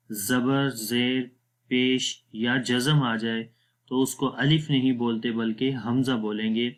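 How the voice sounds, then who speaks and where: A man with a Pakistani accent teaching a Quran reading lesson, slowly and patiently sounding out each syllable before blending them. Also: mid-range voice.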